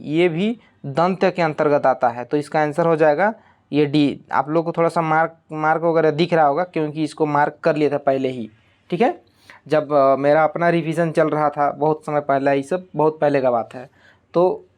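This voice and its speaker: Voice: medium pitch, darkish tone. Patient teacher. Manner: patient, repetitive, step-by-step explaining with frequent check-ins. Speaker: exam-prep teacher. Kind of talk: recorded online exam-prep lesson.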